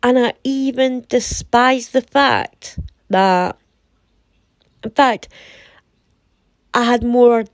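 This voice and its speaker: Woman from the UK, sore throat, creaky voice in a dry recording; opinionated, emphatic casual commentary. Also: a little high, no room sound. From United Kingdom. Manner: deliberate, emphatic, repeating phrases for effect. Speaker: commentator reading and reacting to a website.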